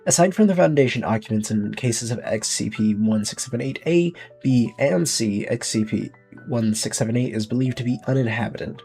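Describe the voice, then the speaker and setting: Streamer guy reading stuff out loud, chatty asides, mellow voice, a little music under it. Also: medium pitch, poor audio. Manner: casual, thinking-aloud asides. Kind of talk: reading a document aloud on stream.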